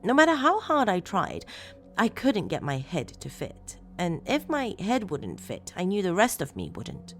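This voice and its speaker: A female narrator plays a disturbed woman telling a horror confession over music. Her voice is low and swings expressively as she confides with obsessive, unsettling fondness, pausing deliberately for drama. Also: huge pitch swings, heavily acted. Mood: disturbed, pleading. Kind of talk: first-person horror story narration, acted monologue.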